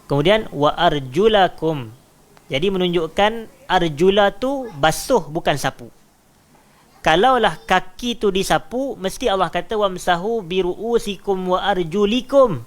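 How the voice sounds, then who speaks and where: A man with a Malaysian Malay accent, a religious teacher giving a lecture on scripture. He recites Arabic verses slowly and explains them word by word, raising his voice for emphasis and then dropping it low. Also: animated.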